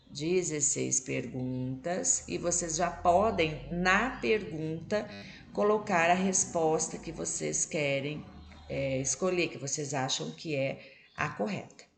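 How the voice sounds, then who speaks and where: Gravelly-voiced Brazilian woman teaching. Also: low-pitched. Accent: Brazilian Portuguese. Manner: explains patiently, checks in constantly. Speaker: English teacher. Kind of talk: recorded online class.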